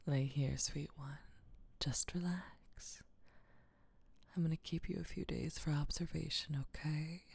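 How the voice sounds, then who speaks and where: A woman playing a doting female caretaker who talks in a soft, hushing whisper. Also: sits low, fairly even intonation, unhurried, gravelly, breathy edge, heavily acted. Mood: tender, hushing. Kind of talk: intimate audio roleplay.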